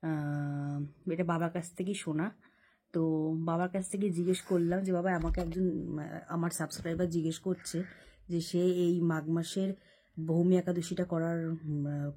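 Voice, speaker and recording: A woman's voice: lowish voice, dark tone, husky. A young woman vlogging casually from her bedroom at night, rambling and explaining at length. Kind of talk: casual chat to camera. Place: home bedroom, lying under a blanket.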